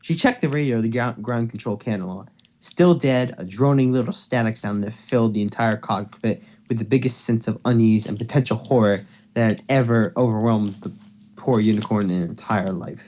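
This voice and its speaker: This man's lowish, dark voice moves at a moderate pace as he reads fan fiction aloud to a co-host, tripping over words and restarting. The audio is lo-fi, a noisy voice call recorded at home.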